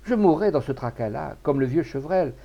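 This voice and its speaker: A man voicing a shrewd old cloth merchant who talks loudly and emphatically, in an audiobook. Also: on the high side, lively intonation, a little fast, gravelly, highs cut off. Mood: boastful. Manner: loud, blustering and emphatic. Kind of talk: audiobook character voice.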